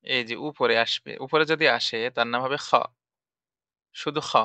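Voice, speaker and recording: A man's voice: mid-range voice, steady tone, normal speed, sharp tone, smooth, no room sound. A man teaching Arabic letters for Quran reading, patiently repeating each sound drill-style.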